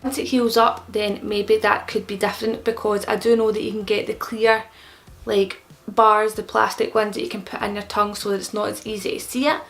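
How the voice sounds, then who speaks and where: A woman's voice: mid-range voice, little pitch movement, brisk. A young woman in casual explanatory vlog talk, her speech slightly impeded and thick-tongued, as with a newly pierced tongue. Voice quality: creaky. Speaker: vlogger answering common questions.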